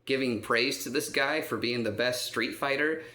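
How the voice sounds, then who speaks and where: A man's voice: medium pitch, normal speed, sharp tone. A man telling a long personal story in a rambling way, often stopping to check in with his listener and filling gaps with "um". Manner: rambling, checks in with repeated "okay?" and many "um"s. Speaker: vlogger. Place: resident's room in a care home. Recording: roomy echo.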